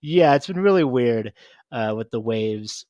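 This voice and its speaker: A man's voice: mid-range voice, lively intonation, a little slow, darkish tone, no room sound, dull audio. A man co-hosting a podcast, rambling in casual chat with many restarts and fillers. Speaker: podcast co-host.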